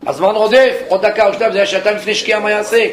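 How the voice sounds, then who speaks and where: A rabbi tells a story in a sermon, speaking straight to his listeners. His voice is fairly high for a man. It echoes around the room over a faint low rumble. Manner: lively narration, addresses listeners directly.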